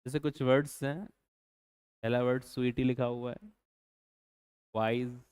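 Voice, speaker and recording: A man's voice: medium pitch, steady tone, measured pace, darkish tone, smooth, no room sound. A man teaching a grammar lesson, asking his students rhetorical questions and repeating key points. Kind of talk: classroom-style grammar lesson.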